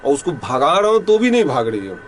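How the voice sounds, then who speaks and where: A man narrating a first-person ghost story in a rustic, halting storytelling manner, his voice often dropping low and hushed. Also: big pitch swings, slight background noise. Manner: rustic storytelling, many pauses, some quoted lines spoken low and hushed.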